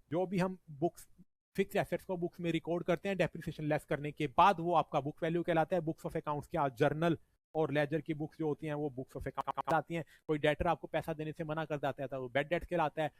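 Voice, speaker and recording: Male teacher, slightly high voice. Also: dry recording. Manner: explains step by step, often adds "ठीक है जी". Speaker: accounting teacher. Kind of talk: revision lecture.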